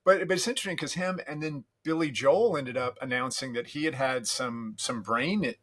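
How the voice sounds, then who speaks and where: Bright-voiced man in his fifties reminiscing. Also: medium pitch, normal speed. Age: 50s. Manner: reminiscing, wry and self-deprecating. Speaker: podcast guest. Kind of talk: casual chat.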